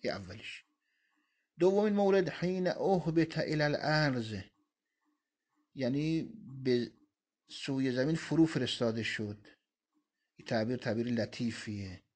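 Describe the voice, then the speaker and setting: This Quran commentary lesson is led by a man whose mid-range voice has a breathy edge; he reads Arabic quotations aloud and explains each phrase in turn.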